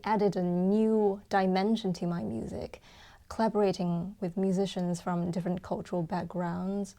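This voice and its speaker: A woman's voice: mid-range voice, dark tone. A young woman from China, a guzheng performer, answering interview questions thoughtfully with frequent ums.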